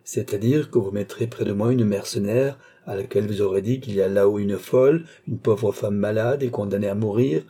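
A man's voice: fairly low pitch, fairly quick, few pauses, mellow, breathy edge. A man voicing a desperate, bitter young woman held captive, pleading and accusing in a raised voice. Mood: anguished. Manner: bitter, pleading, rising into outbursts.

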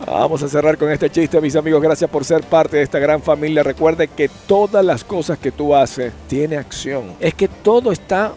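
A man's voice: on the high side, moderate pace, few pauses, darkish tone, soft background music. A man who hosts a trucker channel, speaking outdoors and preaching to his viewers with earnest, repetitive urging. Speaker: trucker vlogger and host.

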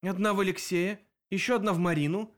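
A man voicing a female werewolf, the pack's second-in-command, in an audiobook, sharp and reproachful. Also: sits high, fairly even intonation, quick pace, voice pushed up, close to an everyday voice. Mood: accusing.

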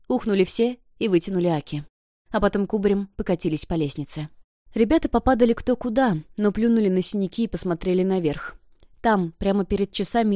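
A woman narrating an audiobook in an expressive, emotional reading. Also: mid-range voice, no echo, clean studio sound. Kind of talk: scripted narration.

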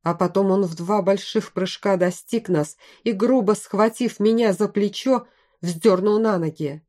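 A woman reading a fantasy novel aloud in first person, with steady storytelling. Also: mid-range voice, unhurried. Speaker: audiobook narrator. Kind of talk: first-person audiobook narration.

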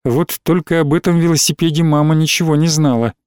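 A man reading a story aloud in a measured, expressive way. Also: fairly high pitch, smooth, dry recording, studio quality. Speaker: narrator. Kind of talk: scripted audiobook narration.

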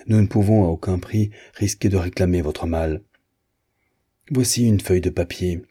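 A man's voice: low voice, moderate pace, slightly rough. A man reading aloud, playing a fussy, tyrannical captain who barks orders. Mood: commanding. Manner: barking orders, shouting.

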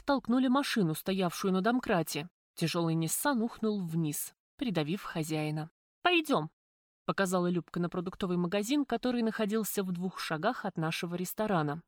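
A woman reading a first-person audiobook in an even, steady storytelling manner. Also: on the low side, a little fast, no echo, studio quality. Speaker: audiobook narrator.

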